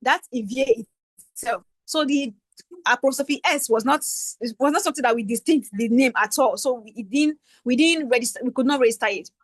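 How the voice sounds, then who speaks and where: Young Nigerian woman, workshop facilitator, higher voice, dry close mic, chatty teaching manner. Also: normal speed, dry recording. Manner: conversational, checking in with "right?". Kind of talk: online teaching session.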